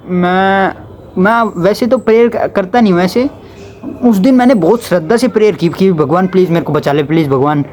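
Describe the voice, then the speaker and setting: A man's voice: sits high, a little mellow, slight background noise. A young man telling a casual storytime about his school days, chatty and slipping into dialect. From Haryana, India. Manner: chatty, slips into dialect when quoting others.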